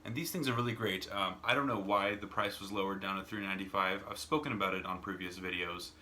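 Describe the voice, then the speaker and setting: A man's voice: deep voice, fairly even intonation, fast talker, sharp tone, slight background noise. An American man vlogging in a casual, rambling monologue, repeating words and adding "and whatnot" as he talks from a smoking room at home. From United States. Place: home smoking room with door open and fan on.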